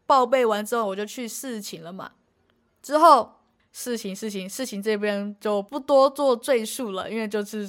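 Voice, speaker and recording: A woman's voice: medium pitch, a bit bright. A young woman, co-hosting a casual podcast and telling a story in a rambling way, with frequent restarts and acted-out quotes. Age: young adult. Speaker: podcast co-host.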